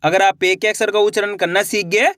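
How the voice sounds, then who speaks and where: A man with a high, light voice guides viewers through a Hindi reading lesson. He pronounces each letter and syllable slowly and carefully, then joins them into words, cheering his listeners on as friends. The sound is dry and close, with no room around it. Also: fairly even intonation, fairly bright tone, dry recording. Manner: drawn-out, careful letter-by-letter pronunciation; addresses viewers as friends, encouraging.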